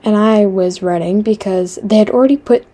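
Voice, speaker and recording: While drawing, a woman vlogger wanders through a relaxed storytime, often cutting herself off, leaning on fillers, and tossing in dry, deadpan remarks. She has a mid-range voice and a moderate pace.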